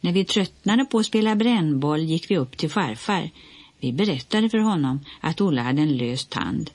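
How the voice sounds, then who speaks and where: A woman reading a children's book aloud in a gentle storytelling manner. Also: low voice, animated, slightly rough, dry recording. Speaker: audiobook reader.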